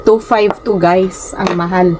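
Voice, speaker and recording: This is a slow, steady-toned woman with a fairly low voice and a Filipino accent, chatting casually to her viewers from a small rented room at home in the Philippines, where she grew up. She's talkative, often says "guys," and occasionally stumbles over words, with background noise present.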